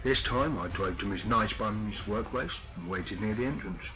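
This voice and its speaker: A man reading a horror story aloud in a measured, deliberate storytelling manner. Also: on the low side, poor audio. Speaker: story narrator. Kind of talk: scripted horror story narration. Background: faint background music.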